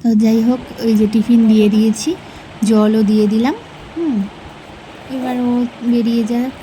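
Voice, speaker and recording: A woman's voice: fairly high pitch, level tone, measured pace, warm tone, slight background noise, low-quality recording. A woman, chatting homely and straight to her viewers while filming around her home on a handheld phone. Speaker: vlogger and homemaker. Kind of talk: casual vlog narration to viewers. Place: home, indoors.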